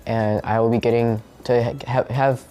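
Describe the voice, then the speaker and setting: A young man talking casually to his viewers in a halting, informal way, recorded on a phone. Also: medium pitch, flat delivery, mellow, smooth, soft background music. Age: young adult. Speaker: vlogger. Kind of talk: casual vlog talk.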